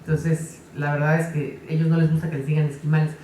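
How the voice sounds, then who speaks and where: A woman giving a lively, conversational conference talk, often adding tag questions. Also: deep voice, fast talker, a little hiss or hum. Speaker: lecturer. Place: conference hall. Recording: echoey hall, distant mic.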